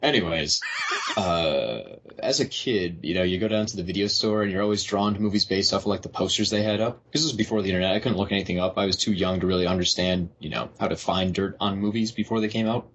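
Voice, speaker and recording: A young man hosts a casual podcast, joking as he rambles through childhood stories. His voice is low and a little husky. The recording sounds dull and lo-fi. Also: quick pace, a bit bright. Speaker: podcast host.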